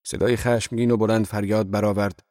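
A man narrating an audiobook in a measured, even storytelling manner. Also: lowish voice, no room sound, clean studio sound.

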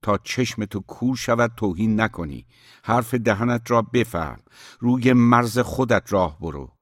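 A hot-headed younger brother in an audiobook, quick to quarrel and blunt in his demands, as a male reader voices him. The voice is low and dry, with combative force behind it. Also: expressive, no room sound, close to an everyday voice. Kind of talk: audiobook reading.

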